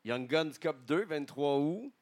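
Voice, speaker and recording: A man's voice: on the high side, expressive, slow pace, darkish tone. A man with a Quebec French accent co-hosting a podcast in casual, slangy banter. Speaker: podcast co-host.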